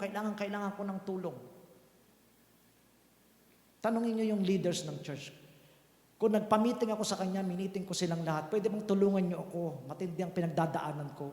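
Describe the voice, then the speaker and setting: A man's voice: sits high, steady tone, fast, darkish tone. A man in his fifties preaching a sermon as pastor, talking conversationally and putting rhetorical questions to his congregation. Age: 50s. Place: church hall. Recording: echoey church hall.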